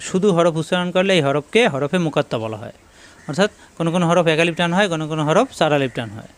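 A man teaching Quran letter pronunciation, repeating each sound slowly and checking that viewers follow. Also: on the high side, animated. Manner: slow, repetitive drilling of letter sounds; asks if it is clear, addresses viewers directly. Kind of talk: step-by-step pronunciation lesson.

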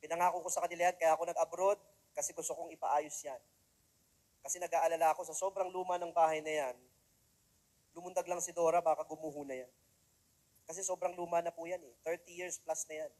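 High-voiced man joking on stage. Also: level tone, brisk, pauses often, darkish tone, poor audio. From Philippines. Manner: joking, self-deprecating, addresses audience. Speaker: motivational speaker. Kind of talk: stage testimonial speech.

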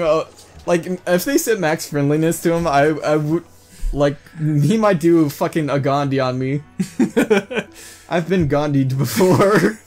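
A man chatting over his strategy game session in a relaxed, offhand way. His voice sits a bit high for a man, and he curses often and laughs readily. Faint music plays underneath. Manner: swearing, laid-back, quick to laugh. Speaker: gameplay commentator. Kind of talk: casual gameplay chat.

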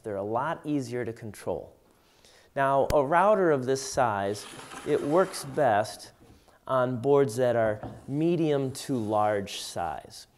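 A man in his forties teaching woodworking, explaining tools plainly and steadily as he demonstrates them in his workshop. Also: medium pitch. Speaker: woodworking instructor. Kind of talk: tool demonstration tutorial. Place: home woodworking shop, indoors.

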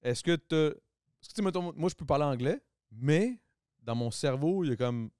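A man's voice: a little high, lively intonation, normal speed, darkish tone, clean tone, dry recording, studio quality. A man with a Quebec French accent hosting a podcast, laid-back and slangy, swearing freely in casual chat. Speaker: podcast host.

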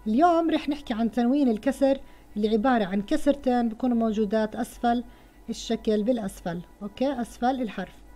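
A woman's voice: on the high side, mellow, faint music behind. Patient Levantine Arabic woman teacher. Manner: patient, slow word-by-word spelling out of sounds. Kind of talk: first-grade lesson for children.

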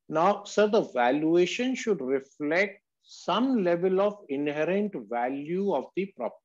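High-pitched man, dull call audio. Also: darkish tone. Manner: emphatic, addresses listeners as sir. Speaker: valuation instructor. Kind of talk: explanatory online lecture with questions and answers. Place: online group video call.

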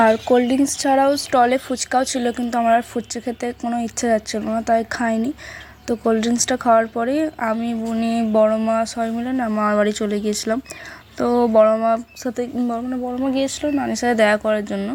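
Chatty fast-talking young woman. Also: on the high side, level tone, a little mellow, slight background noise. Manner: chatty, rambling, quick. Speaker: vlogger. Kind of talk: casual vlog narration. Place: outdoors then indoors at a home.

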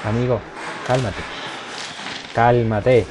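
A man's voice: medium pitch, fairly even intonation, slow pace, background noise. A man doing let's play commentary on a horror game, joking and talking back to the characters on screen. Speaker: gameplay commentator.

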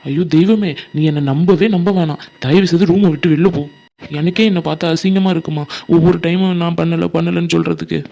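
A man's voice: fairly high pitch, steady tone, fairly quick, creaky, dark tone, highs cut off. A man voicing a hurt young son who bitterly complains that his mother never believes him, in a homemade cartoon. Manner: bitter and exasperated.

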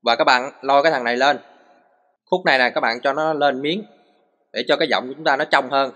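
A man's voice: medium pitch, fairly even intonation, fast talker, bright, forceful tone. A man walks through a phone recording tutorial step by step, patient and full of short repeated cues.

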